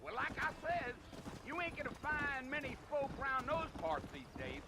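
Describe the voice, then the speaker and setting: A high, lively voice drawls on and on with folksy rural charm: a chatty old frontier wagon driver in a western video game. Hoofbeats and outdoor noise fill the background of the game audio. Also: male voice, normal speed.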